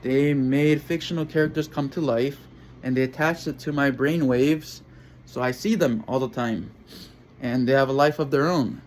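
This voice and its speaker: A man vlogging in a casual monologue to camera, halting and rambling as he searches for words. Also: medium pitch, a little mellow, slight background noise.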